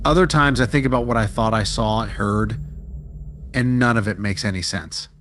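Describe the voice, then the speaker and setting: A man giving a steady, dramatic scripted narration of a true-style horror story. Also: fairly low pitch, normal speed, slight background noise.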